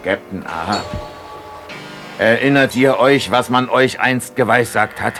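A man's voice: mid-range voice, a little slow, over music, lightly acted. An actor playing an anxious, superstitious sailor in an audio play, grim and urgent in his warnings. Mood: ominous. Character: anxious, superstitious male sailor on whaling ship. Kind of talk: dramatised audio play acting.

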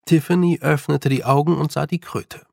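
A male audiobook narrator reading slowly and calmly, with a somewhat high, gravelly voice. The recording is close and very dry. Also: no echo. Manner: calm, unhurried reading. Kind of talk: scripted narration.

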